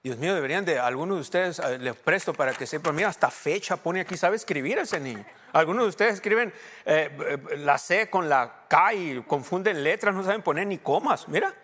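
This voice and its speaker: Mexican pastor guy preaching, kinda high voice, goes quiet then shouts. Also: lively intonation, brisk. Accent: Mexican Spanish. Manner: swings from low murmurs to loud shouted preaching. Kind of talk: sermon.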